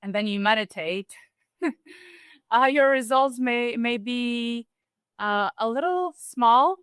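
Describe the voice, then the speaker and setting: A woman from Romania talking as a guest in a relaxed, thoughtful interview, with restarts and small laughs. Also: on the high side, slow, clear, resonant tone, dry recording. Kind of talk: casual conversational interview.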